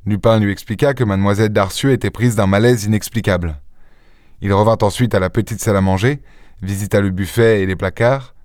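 A man reading a classic novel aloud in a clear, measured, expressive narration. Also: lowish voice, no echo, studio quality. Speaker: audiobook reader. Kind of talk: literary audiobook narration.

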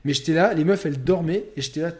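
A young man co-hosting a podcast, telling a crude story in a rambling, animated way with lots of fillers. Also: on the high side, quick pace. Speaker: podcast co-host. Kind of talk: casual storytelling chat.

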